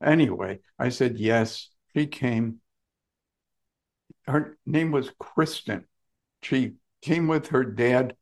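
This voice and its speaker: A man, a guest author, telling a story in a lively, emphatic way with blunt, salty asides. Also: mid-range voice, takes it slowly, gravelly, pauses often. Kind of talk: conversational storytelling.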